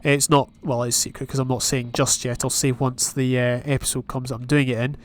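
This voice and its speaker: This gaming YouTuber from Scotland speaks briskly in a mid-range voice that stays fairly flat in pitch. In a relaxed Minecraft let's play, the young man muses out loud about his own game and reads advancements as they pop up.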